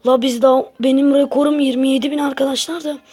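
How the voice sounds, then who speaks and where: A woman's voice: high-pitched, fairly even intonation, quick pace, dark tone. A woman giving casual gameplay commentary to her viewers, grumbling and exasperated as she plays. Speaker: gaming channel host.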